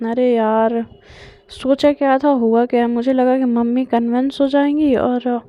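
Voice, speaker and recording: A woman's voice: fairly high pitch, steady tone, a little slow, no echo, close to an everyday voice. A woman voicing a young woman who is flustered and pleads to be heard, in a dull, dry recording. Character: young woman fretting over her father's marriage plans.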